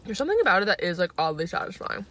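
A woman's voice: medium pitch, big pitch swings, very fast, fairly bright tone. A young woman guest on her sister's casual mukbang chat, easygoing and giggly while she eats. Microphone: phone camera.

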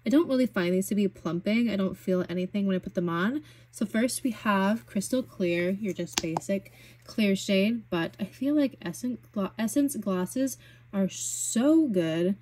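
A young woman vlogging about beauty products in a casual, gushing, chatty way, full of fillers and excitement. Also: mid-range voice, unhurried, slight background noise. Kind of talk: casual product swatching chat.

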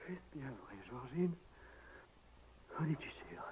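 Grief-stricken husband, anguished cries. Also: male voice, mid-range voice, expressive, slow. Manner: swings from hushed pleading to anguished cries. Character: grieving husband Admette, desperate and self-reproaching. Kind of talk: 1960s radio drama acting. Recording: muffled old radio recording, faint hiss.

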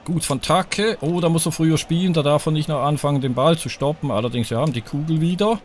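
A man's voice: fairly high pitch, quick pace, slight background noise. A man commenting live on his own football video game, cheering and groaning at each chance and talking to his viewers. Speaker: gaming YouTuber playing a football video game. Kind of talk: live let's-play commentary.

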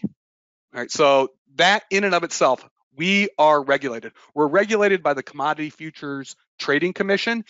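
A man giving an emphatic, energetic webinar presentation as a trading educator, with frequent fillers. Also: fairly high pitch, dry recording. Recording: dull, dry lo-fi webinar audio.

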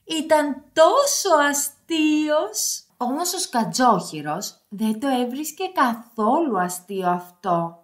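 Woman reading a kids story, high bouncy voice, really expressive. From Greece. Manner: expressive, sing-song. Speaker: children's storyteller. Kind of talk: storybook narration for children.

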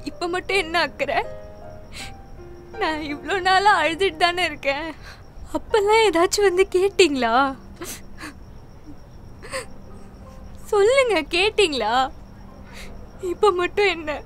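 A woman's voice: very high voice, a little slow, long pauses, sharp tone, exaggerated voice. A woman plays a young pregnant wife who is tearful and accusing, and raises her voice when she is pushed. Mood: bitter, hurt. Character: distraught young pregnant wife demanding the truth. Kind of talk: Tamil web series drama, dubbed. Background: film score music.

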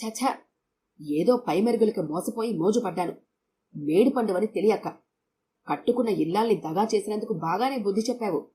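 A woman's voice: mid-range voice, normal speed, long pauses, dark tone, slight background noise, close to an everyday voice. A woman voicing a regretful husband who complains bitterly, in her own reading voice. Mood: complaining.

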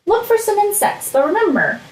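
A woman's voice: extremely high pitch, huge pitch swings, a little fast, echoey room. A woman in her thirties teaching young children online in a broad, singsong manner, often prompting them with questions, recorded on a computer mic at home. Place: small furnished room at home. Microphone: computer mic at desk, video call framing.

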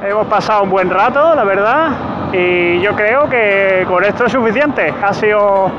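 Captured on a helmet cam mic, this man reviews the motorcycle he's riding through the city in a chatty, joking way, poking fun at himself and laughing. He speaks in a high voice and a little slowly. The sound is lo-fi, with background noise.

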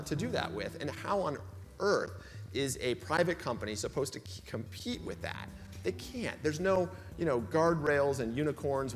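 A middle-aged man, an attorney, arguing emphatically in an onstage panel debate, with some fillers and restarts. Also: mid-range voice. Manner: emphatic, argumentative, with hesitant fillers. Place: conference stage, seated in an armchair. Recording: reverberant hall audio with music.

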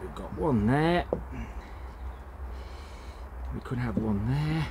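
A gardening vlogger wanders his outdoor allotment and greenhouse, speaking slowly at medium pitch with lively intonation. He's plain-spoken and casual, with lots of "uh" fillers, and background noise is present.

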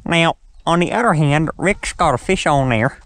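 A man's voice: a little high, animated, moderate pace, a bit bright, a little hiss or hum. A man with a Southern accent hosting a fishing show, chatting in a folksy, joking way from a boat on a lake. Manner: folksy, joking, calls his buddy "son". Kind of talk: casual chat while fishing.

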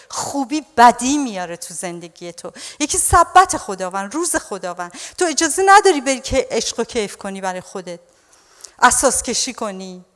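A woman pastor preaching a sermon in an animated way, often calling her listeners dear ones. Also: high voice, long reverb tail.

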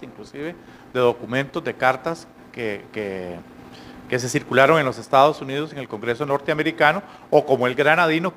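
A man's voice: mid-range voice, a bit bright, slight background noise. Middle-aged man lecturing on a panel. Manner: measured, frequent hesitations, rhetorical tag questions. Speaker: panel speaker. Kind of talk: academic panel talk. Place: conference hall, indoors. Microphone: handheld mic.

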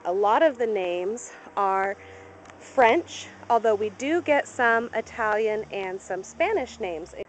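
A woman's voice: medium pitch, lively intonation, slow, slight background noise, rough recording. A woman narrating a guided tour as she walks outdoors through a cemetery, recorded on a handheld camera. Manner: informative, walking and pointing things out. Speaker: travel vlogger. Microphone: handheld camera mic.

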